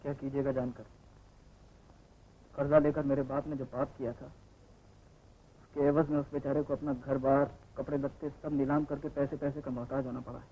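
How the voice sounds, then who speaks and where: An impassioned young suspect , played by an actor, argues his innocence in a high, urgent voice. The sound is the muffled soundtrack of a 1950s film, with a faint hiss underneath. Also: fast, natural voice. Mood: weary. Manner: impassioned, argumentative. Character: young man accused of murder, defiant then pleading. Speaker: accused suspect.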